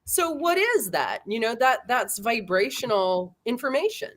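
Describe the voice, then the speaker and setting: A middle-aged woman talks as an interview guest in a loose, animated way. Her pitch swings widely as she goes, and she laughs often, tossing in "you know" and "right?" between her points. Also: measured pace. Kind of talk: casual conversational interview.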